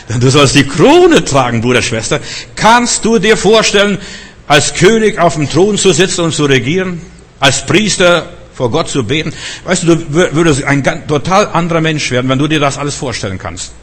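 A man's voice: a little high, expressive, normal speed, a bit bright. A middle-aged man preaching a sermon, pressing his listeners with repeated urgent questions.

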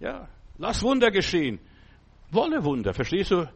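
A man's voice: high voice, wildly swooping pitch, normal speed, creaky, husky. A man giving an informal, exhorting sermon, repeating his calls and often asking if you understand. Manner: exhorting, repetitive, keeps asking "verstehst du". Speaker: preacher.

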